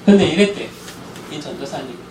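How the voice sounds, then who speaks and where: A man's voice: a little high, a little fast, roomy sound, recorded from a distance, a little hiss or hum, poor audio. A man giving a church lecture on marriage and parenting, telling stories and acting out the dialogue. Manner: animated storytelling, acting out quoted dialogue.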